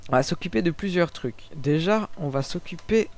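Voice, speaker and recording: Casual, halting young Frenchman explaining software. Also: fairly high pitch. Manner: halting, many fillers and restarts, relaxed and informal. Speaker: tutorial maker. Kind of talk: casual screen-recorded software tutorial.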